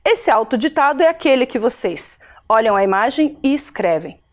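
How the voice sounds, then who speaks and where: A woman's voice: a little high, big pitch swings, moderate pace. A woman teacher with a Brazilian Portuguese accent from Curitiba, giving a recorded video lesson to adult learners in a chatty way, often checking in with her listeners.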